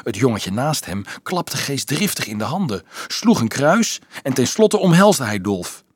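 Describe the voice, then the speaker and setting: A man reading a children's novel aloud as an expressive audiobook narrator. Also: mid-range voice, unhurried, slightly rough, no room sound, studio quality. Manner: expressive storytelling. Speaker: audiobook reader.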